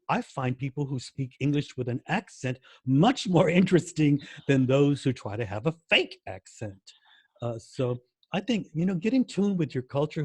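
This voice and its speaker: A man's voice: mid-range voice, husky, no room sound. An American man answering interview questions in a casual way, with many fillers and restarts and words repeated for emphasis. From United States. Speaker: guest language educator.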